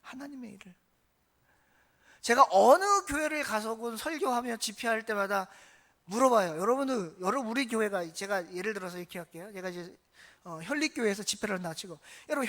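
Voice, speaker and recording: Male pastor preaching in church; lively, call-and-response questions, loud-to-hushed swings. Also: high-pitched, fast. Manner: lively, asks the congregation questions; swings between loud emphasis and soft, hushed remarks. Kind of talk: sermon. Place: church sanctuary.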